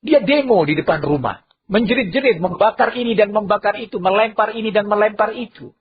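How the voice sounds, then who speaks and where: A man preaching a sermon in Indonesian-accented speech, animated, often raising his voice sharply to act out quoted speakers. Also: brisk, breathy edge. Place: large mosque. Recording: muffled low-bitrate mosque recording.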